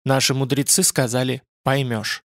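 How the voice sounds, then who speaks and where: A man's voice: mid-range voice, little pitch movement, normal speed, fairly bright tone, no echo, clean studio sound, lightly acted. Sex: woman figure voiced by a man. Figure: grave spirit maiden. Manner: solemn, aloof. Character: grave female spirit being, proud and cold.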